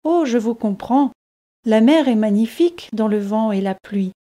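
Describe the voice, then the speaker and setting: A woman's voice: on the high side, expressive, moderate pace, mellow, close to an everyday voice. A woman voicing a cheerful Englishman visiting the French seaside, friendly and eager with his questions.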